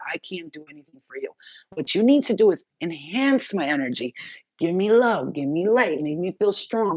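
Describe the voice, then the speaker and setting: In a spontaneous spiritual livestream, a woman healer speaks to her viewers directly, reading their comments out loud while talking bluntly, fervently and with plenty of swearing. Her voice is mid-range, and the recording sounds dry and muffled.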